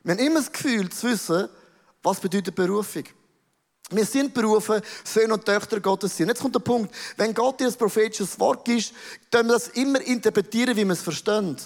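A man's voice: high voice, a little fast. A man with a Swiss German accent preaching a sermon, emphatic and peppered with English words. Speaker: pastor. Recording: reverberant large hall.

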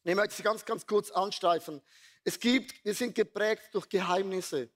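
A pastor preaching a sermon, telling stories in a lively, blunt and earthy way. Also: male voice, sits high, moderate pace.

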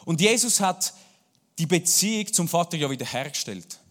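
A man with a Swiss German accent preaches a sermon, speaking directly and personally to his congregation. His voice sits a little higher than most men's. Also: expressive, normal speed. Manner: warm, personal address to the congregation. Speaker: pastor.

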